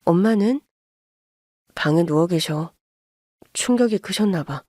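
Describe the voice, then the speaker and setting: A woman's voice: fairly low pitch, lively intonation, a little slow, dark tone, no echo, studio quality. A woman voicing a young adult daughter who sounds worried and soothing. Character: young adult daughter, caring older sister.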